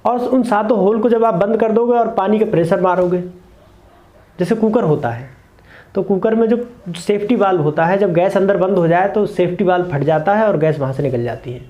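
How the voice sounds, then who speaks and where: A man's voice: sits high, brisk, dull audio. A man teaching meditation to camera, explaining earnestly and repeating key points in short lists. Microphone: camera mic, speaking to camera.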